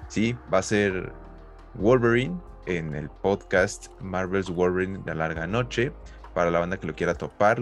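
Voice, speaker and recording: A Mexican man co-hosting a podcast in casual, slangy, jokey conversation. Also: low-pitched. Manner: jokey, informal. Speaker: podcast co-host.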